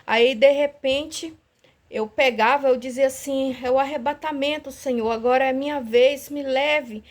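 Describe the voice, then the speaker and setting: High-voiced woman giving earnest testimony. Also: steady tone, moderate pace. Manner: earnest, pleading, repetitive, reenacts her prayers aloud. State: heart racing, anxious. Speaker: church member sharing a dream. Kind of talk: emotional spoken testimony.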